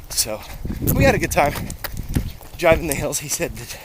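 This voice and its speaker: Male running vlogger, fairly high voice jogged by his stride, chatting casually outdoors over clear wind and traffic noise. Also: very animated, moderate pace. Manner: jogged voice, talking while running. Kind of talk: casual vlog talk while out running. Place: outdoors, on the move along roads.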